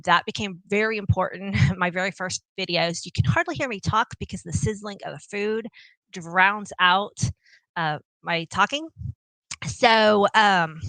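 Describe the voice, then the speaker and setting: A woman's voice: medium pitch, bright, forceful tone, dry recording, low-quality recording. A woman from Texas with a Texan accent, hosting a live question-and-answer chat with viewers of her cooking channel in a bubbly, chatty way, often laughing. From Texas, USA. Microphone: small clip-on mic.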